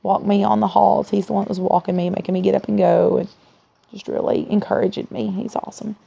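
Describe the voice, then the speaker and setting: Tired, weak woman with very creaky voice. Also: medium pitch, little pitch movement, fast, dark tone. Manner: rambling, candid, conversational. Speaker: vlogger sharing surgery recovery. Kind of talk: casual personal video diary. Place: at home in a recliner. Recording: dull, lo-fi sound.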